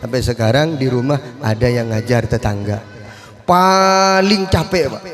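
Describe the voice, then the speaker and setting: A man's voice: mid-range voice, a little slow, a crowd in the background. A middle-aged man giving an informal religious study talk at a mosque, telling stories with acted dialogue and laughter. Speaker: Quran teacher and preacher.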